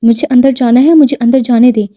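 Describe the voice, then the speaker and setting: Brief: woman reading a devoted wife with a sharp tongue, mellow, fairly high voice. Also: steady tone, dry recording, lightly acted. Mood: angry. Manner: playful with husband, harsh and angry with police. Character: loving loyal wife, sharp-tongued when angered.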